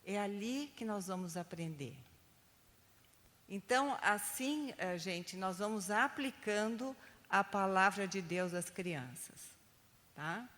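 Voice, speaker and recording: A woman's voice: medium pitch, expressive, slow, a bit bright, big-room sound. An older woman training Sunday school teachers, telling stories and checking in with her listeners often. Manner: chatty, keeps adding "né?" tags. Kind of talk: teaching a training class with storytelling.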